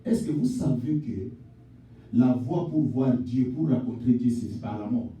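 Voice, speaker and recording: A male pastor preaches to his congregation, calling them mother and sister. His dark voice climbs into shouts and sinks to quiet asides. The sound is roomy and distant, as if the mic sits far off in a reverberant church. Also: unhurried, slight background noise. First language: not English. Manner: swings from shouted exhortation to low, quiet address; addresses the congregation directly as mother, father, sister. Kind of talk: sermon. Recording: echoey church hall, voice from off-mic.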